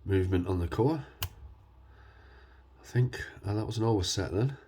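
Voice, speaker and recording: A man congested with a cold, talking casually and hesitantly as he hosts a hands-on demonstration, his voice husky from man flu. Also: deep voice, fast, dark tone, a little hiss or hum. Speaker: video host.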